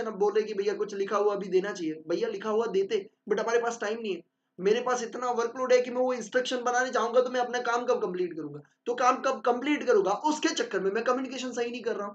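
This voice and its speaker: A man teaching a recorded lecture in a conversational way, mixing Hindi with English and reading English definitions slowly. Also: high-pitched, fairly even intonation, highs cut off. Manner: conversational, uses tag "ठीक है" often; acts out example lines in angry and soft tones.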